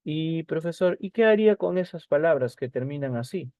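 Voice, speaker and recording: A man's voice: fairly high pitch, lively intonation, normal speed, no echo, voice pushed up. A man voicing a curious student who asks the teacher a question in a slightly raised voice, on a dull lo-fi recording. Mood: puzzled.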